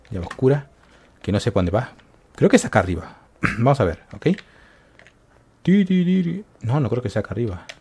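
A man's voice: on the low side, a little mellow, husky. A man giving casual gameplay commentary, muttering to himself and calling out to his viewers. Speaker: gaming channel host.

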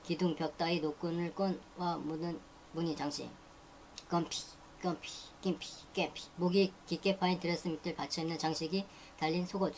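A low-pitched woman reads English vocabulary entries as a teacher, saying each word twice before running through its meanings. The pace is brisk and list-like. A faint hiss of noise sits under the voice. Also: darkish tone. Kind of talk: reading dictionary entries aloud.

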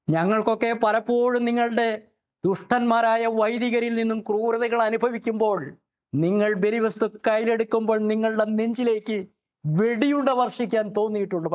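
An older man with a Malayali accent, a lawyer giving indignant, declamatory commentary to camera, often addressing his opponents directly. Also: sits high. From Kerala, India. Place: indoor studio set, dark backdrop. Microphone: fixed camera, head-and-shoulders framing.

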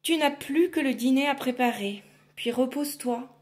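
A woman voicing a kind little magic doll in a storybook reading, calm and gentle. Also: sits high, moderate pace, pitched above the performer's own voice, close to an everyday voice.

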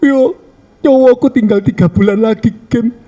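A man's voice: very high voice, normal speed, dark tone, voice pushed up. A man voicing a frightened, dying rich businessman who pleads for prayer. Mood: pleading. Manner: pleading, tearful.

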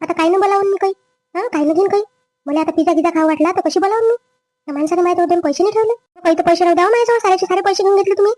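A woman playing a greedy, scheming young wife in a family drama skit, with a quick, complaining manner. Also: very high voice, a little mellow, dry recording. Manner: quick, complaining, rising whine. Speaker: daughter-in-law.

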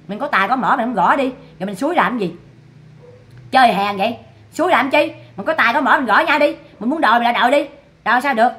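A woman's voice: a little high, sharp tone. A woman doing gossip commentary to her viewers, scolding and repeating herself for emphasis. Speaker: online commentator.

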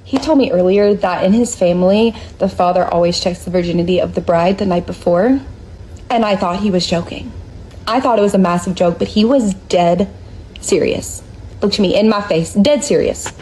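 A woman's voice: medium pitch, moderate pace, dark tone, a little hiss or hum, rough recording. A woman calling in for advice, telling her story in an earnest, distressed way. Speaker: caller asking for advice.

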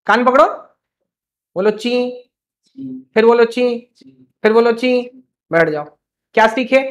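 This young instructor's voice is extremely high and a touch bright as he runs his live class, quizzing students fast and playfully scolding them to keep them going.

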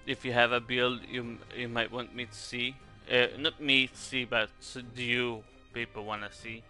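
A man's voice: medium pitch, little pitch movement, normal speed, bright, forceful tone, soft background music. A man from Sweden with a Swedish accent gives casual game commentary in a hesitant, rambling way, repeating words as he goes. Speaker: gaming video creator.

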